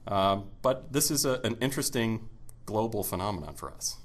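A man with a lowish voice co-presents a recorded talk. He speaks in a measured way and drops dry, understated jokes. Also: animated. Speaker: product manager co-presenting.

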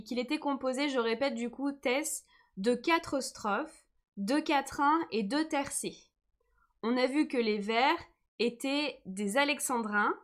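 A woman's voice: sits high, a bit bright. A woman teaching a live online lesson, patient and encouraging, who says she is tired today. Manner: patient, encouraging, reads comments aloud.

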